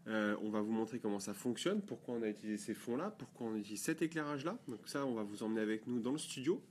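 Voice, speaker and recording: A man's voice: on the low side, animated, quick pace, a little hiss or hum. A man co-hosting a photography blog video, chatting casually and rambling with fillers and restarts. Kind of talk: casual chat.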